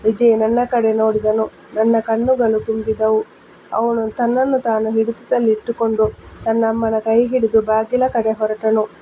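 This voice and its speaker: A woman reading a scripted first-person story in an even, measured manner. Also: on the high side. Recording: dull lo-fi with faint hiss.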